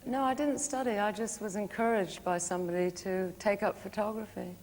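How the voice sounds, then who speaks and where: A woman's voice: medium pitch, brisk, darkish tone. Woman chilling on a tv chat show, short easy answers, roomy reverb, some hiss. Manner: easygoing, brief answers. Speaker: guest. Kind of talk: casual chat. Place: TV talk show studio. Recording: TV studio audio with long reverb and faint hiss.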